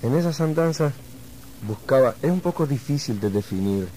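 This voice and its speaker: A man from Uruguay, a guest musician answering interview questions in a reflective, measured way. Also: mid-range voice, lively intonation, mellow, a little hiss or hum, rough recording.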